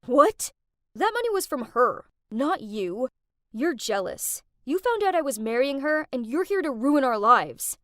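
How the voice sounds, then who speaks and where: A gruff young man, curt and resentful, as a woman reads him out. He talks with clipped edges, and the sound is dead dry with no room around it. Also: extremely high pitch, big pitch swings, a little slow, pushed and bright, dry recording, heavily acted. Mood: cold.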